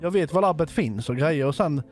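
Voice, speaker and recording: A man retelling the day's events to fellow players in a casual role-play game. His voice is a touch high and very animated, and he often stumbles and repeats words as he goes, with faint music under him. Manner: rambling, repeats words while explaining. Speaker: streamer playing a Minecraft roleplay server.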